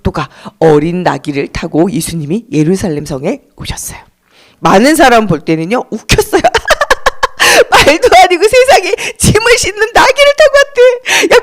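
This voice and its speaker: Expressive woman preaching to young children. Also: fairly high pitch. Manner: asks the children questions and leads call-and-response; sing-song and expressive, dropping to soft whispers. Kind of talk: children's Sunday sermon.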